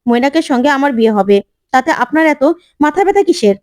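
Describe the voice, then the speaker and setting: A woman voicing a stubborn young woman desperate to be married, shrill and insistent. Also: animated, quick pace, a little mellow, no room sound.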